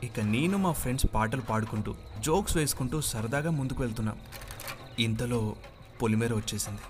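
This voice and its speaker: A man's voice: mid-range voice, a little fast, soft background music. A male podcast storyteller narrating a first-person horror story and acting out its dialogue dramatically.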